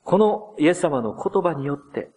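A man preaching a sermon as pastor, gently explaining and addressing the congregation, dramatizing quoted words with changes in voice. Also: lively intonation, moderate pace. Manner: dramatizes quoted words with shifts of pitch and loudness.

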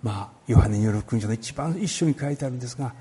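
A man giving a sermon on a Bible passage, talking in a lively way with many pauses and filler words. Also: medium pitch, husky. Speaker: pastor.

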